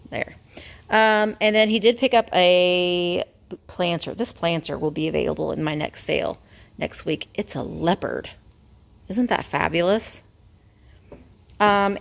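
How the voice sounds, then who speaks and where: This woman, a vintage reseller and vlogger in her forties, speaks with vocal fry in an animated, unhurried, medium-pitched voice. She films her vintage haul on a close-held phone camera inside an antique shop, chatting casually and rambling with fillers and self-corrections.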